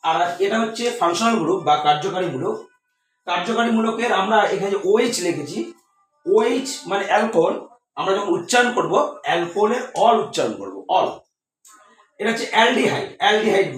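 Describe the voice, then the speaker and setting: High-voiced teacher in an echoey room. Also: male voice, fairly bright tone, far from the mic. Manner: repetitive, asks questions and answers them himself. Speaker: chemistry teacher. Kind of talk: classroom lesson at a board.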